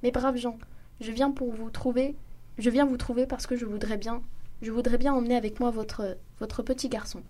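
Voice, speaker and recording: A woman's voice: a little high, fairly even intonation, normal speed, mellow, natural voice. A woman voicing a spoiled young rich lady who pleads in a faltering, tremulous voice, in a story reading. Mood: pleading. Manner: breathless, faltering pleas.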